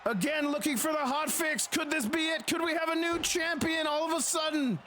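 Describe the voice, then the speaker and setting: A man calls pro wrestling play-by-play like a ringside commentator. His high-pitched voice is dramatic and excited, built for big announcements. Light background noise sits behind him. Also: normal speed, a faint crowd.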